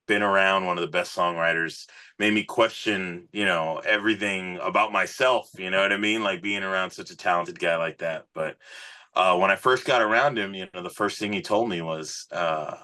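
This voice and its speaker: In this clip, a man with a deep, forceful voice speaks like a musician giving an interview. His delivery is earnest and casual, and he tells his story loosely, scattering small fillers throughout. He keeps a moderate pace, sounding like a singer appearing as a podcast guest.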